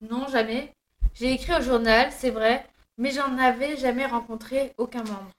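A man voicing a young female doctor in an audio drama, in a high falsetto that turns from shy to outraged. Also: fairly even intonation, unhurried, a bit bright. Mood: shaken. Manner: high falsetto, shaky and curt. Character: young woman doctor, flustered then furious.

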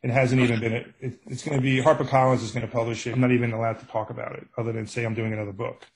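A man's voice: mid-range voice, little pitch movement, very fast, slight background noise, poor audio. An older middle-aged man with a Brooklyn accent, talking casually and anecdotally as an author being interviewed. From Brooklyn, New York. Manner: anecdotal, acts out quoted exchanges. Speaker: true crime author, podcast guest.

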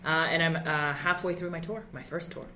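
Woman, mid-20s, comedian guest; candid, relaxed, roomy sound. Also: sits low, a little fast, slight background noise. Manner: candid, relaxed, laughs often. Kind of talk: casual interview chat. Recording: echoey room.

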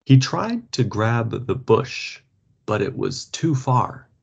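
A man reading a story aloud for learners, slow and expressive. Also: lowish voice, gravelly, slightly rough. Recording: dull lo-fi podcast audio.

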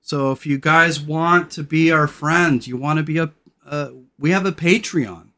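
A man hosting a podcast, brash and irreverent, loud radio-style delivery that drops to low, slow, soft talk when sincere. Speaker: podcast host. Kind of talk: casual podcast chat.

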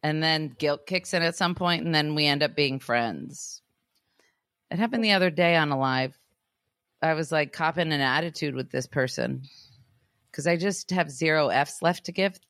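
A woman co-host with a low voice talks in casual, blunt chat and tosses out quick joking asides. The sound is close and dry, with no room around it. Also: a bit bright, no echo. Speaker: podcast co-host.

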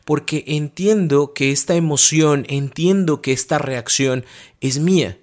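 A man's voice: on the high side, unhurried, darkish tone. A man giving a motivational talk, earnestly explaining his points and answering his own questions. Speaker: speaker on emotional intelligence.

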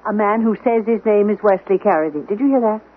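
Speaking fast with a breathy edge, this woman's mid-range voice stays close to everyday speech as she plays a prim, formal household servant scolding her employer in a 1970s radio drama. Her manner is composed, unflappable and gently reproving, heard through a tinny old radio broadcast with faint hiss.

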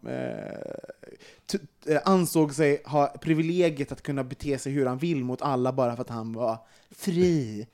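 A young man hosting a casual podcast chat, talking in an animated way with many fillers and some swearing when worked up. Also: a little high. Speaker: podcast host.

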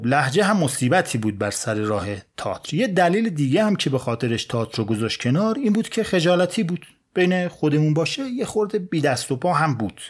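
A man hosting a podcast, narrating a biography in a playful scripted way and putting on voices for quoted people. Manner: playful, voices quoted characters with wide swings in pitch. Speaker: podcast host and storyteller.

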